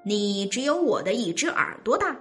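A woman's voice: medium pitch, sing-song, moderate pace, a bit bright, soft background music. Woman putting on a proud bossy tiger. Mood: scornful. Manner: scornful, bossy. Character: proud boastful male tiger.

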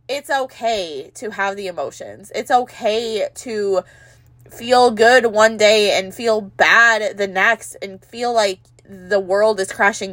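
A woman's voice: medium pitch, fairly bright tone, dry recording. A woman talking to her followers in a candid, self-reflective monologue, rambling at times with fillers. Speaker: motivational vlogger. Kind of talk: casual heartfelt monologue.

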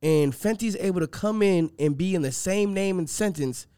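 A man's voice: sits high, moderate pace, warm tone, smooth, dry recording, studio quality. A man co-hosting casual banter, slangy and profane, punctuating his talk with "man" and "bro". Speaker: podcast co-host.

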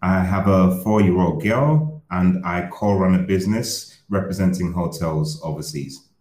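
Deep-voiced man from Uganda, roomy sound. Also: measured pace, darkish tone. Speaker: podcast guest. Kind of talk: casual personal discussion.

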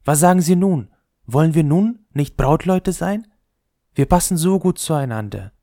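A man's voice: on the high side, animated, a little slow, dark tone, no echo, studio quality, pitched above the performer's own voice. A man voicing a proud, boastful male spinning top in a fairy tale, talking eagerly about himself.

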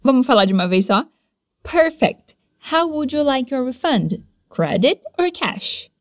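Woman teacher doing repeat-after-me english drills, slow and kinda high, dry close sound. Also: very animated, no room sound. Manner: slow, exaggerated pronunciation of English phrases.

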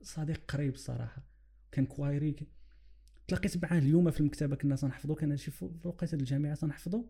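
A man's voice: fairly high pitch, steady tone, very fast, vocal fry, dark tone, breathy edge. A man with a Moroccan Arabic accent reflecting on religion in conversation, illustrating with examples and mixing in English phrases. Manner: mixes English phrases into his speech.

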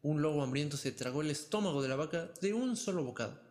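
A man's voice: fairly high pitch, lively intonation, fast, a little mellow. Man reading a fairy tale aloud. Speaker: storyteller. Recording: long hall reverb.

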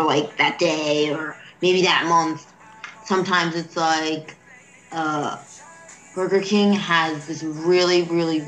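A woman's voice: low voice, fairly bright tone, rough recording. A woman chatting casually as a guest on a talk show. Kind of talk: casual chat.

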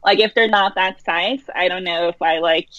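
A woman's voice: lowish voice, moderate pace, no echo. A woman in her thirties from Norway, talking casually and laughing often as an interview guest over a video call. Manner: relaxed, chatty, laughs often. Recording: dry, dull lo-fi call audio.

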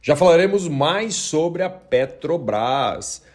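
A man's voice: fairly high pitch, animated, takes it slowly. A man from Brazil hosting a daily market analysis show, talking in a conversational way with frequent tag questions and colloquial sayings. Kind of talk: casual market news commentary.

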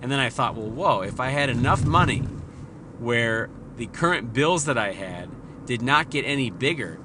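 A man's voice: medium pitch, lively intonation, moderate pace, background noise. A married man hosting a solo podcast, talking in a casual, profane, rambling and self-deprecating way. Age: adult, married father. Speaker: podcast host.

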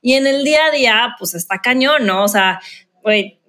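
A woman's voice: on the high side, lively intonation, normal speed, pushed and bright. Chatty slangy Mexican woman host. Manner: chatty, slangy, many fillers. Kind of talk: casual podcast conversation.

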